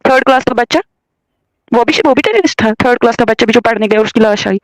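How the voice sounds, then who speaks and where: A woman's voice: a little high, dry recording, soft background music. A woman from Kashmir, calling in to a heated debate and answering defensively and emotionally. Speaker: caller.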